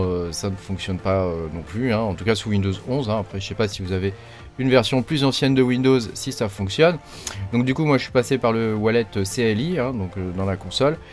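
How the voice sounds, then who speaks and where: Chatty low-voiced man explaining software. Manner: chatty, many fillers and tag "hein". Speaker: crypto mining tutorial host. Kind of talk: casual screen-recorded tutorial.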